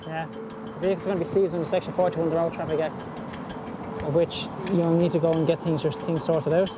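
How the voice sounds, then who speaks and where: A man's voice: a little high, little pitch movement, fairly quick, noisy background. An Irish man speaking as a police officer at a roadside, explaining offences in an official, matter-of-fact way. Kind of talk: explaining vehicle offences and penalties. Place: outdoors at a roadside. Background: music and vehicle sounds.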